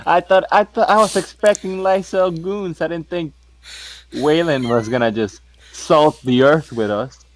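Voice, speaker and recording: This man's voice sits a little high and moves a little slowly. He's playing a tabletop role-playing game, chatting casually and speaking in character.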